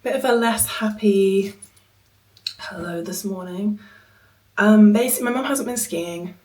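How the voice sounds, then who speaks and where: A woman's voice: medium pitch, measured pace, darkish tone, echoey room, distant mic, low-quality recording. A young woman in a casual vlog to camera, sounding ill with a cough and short of breath, chatty and frustrated but determined. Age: young adult. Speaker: vlogger. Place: indoors at a holiday home.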